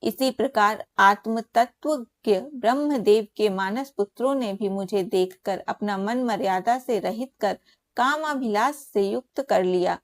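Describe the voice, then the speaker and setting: Woman doing troubled young divine maiden thinking aloud, slow, dry close sound. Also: mid-range voice, dry recording, natural voice. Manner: earnest inward reflection.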